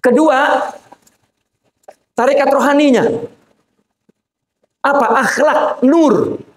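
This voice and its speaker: A sheikh with an extremely high voice speaks slowly, giving an informal sermon to a gathering at an Islamic boarding school. He talks colloquially, makes joking asides, and addresses listeners directly, in an echoey room.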